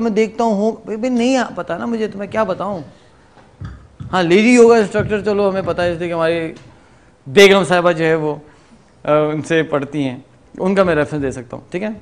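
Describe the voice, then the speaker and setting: A middle-aged man from Pakistan leading a workshop, telling stories in an animated way and slipping into English phrases. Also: high-pitched. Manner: animated storyteller, acts out quoted exchanges, mixes in English. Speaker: workshop trainer. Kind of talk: lively lecture to a class. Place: training room with a group.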